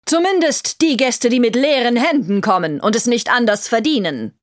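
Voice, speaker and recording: Cold vengeful queen, as a woman narrator puts her on, all sharp scornful retorts. The voice sits high and climbs steeply when she is provoked. It sounds dry and close, in a storybook reading. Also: lively intonation, normal speed, no echo, close to an everyday voice. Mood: scornful, indignant. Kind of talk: audiobook character voice.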